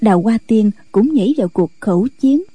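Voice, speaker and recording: A woman narrates a martial-arts story in an even, steady storytelling manner. Her voice is very dark and a little husky, set slightly high for her tone. The sound is dry and close. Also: brisk, no echo.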